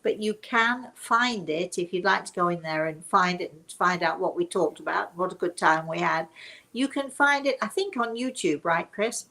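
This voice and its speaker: An older British woman hosts a casual online chat for her viewers, rambling chattily from one story to the next. Her voice is lowish and sharp in tone, she speaks at a normal speed, and the recording quality is low.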